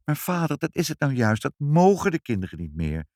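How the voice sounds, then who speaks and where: A man's voice: normal speed, no echo, clean studio sound. Een man die met hoge, beweeglijke stem een moeder uit een kinderverhaal speelt. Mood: worried. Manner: animated, high, expressive. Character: lively, caring mother in a storybook.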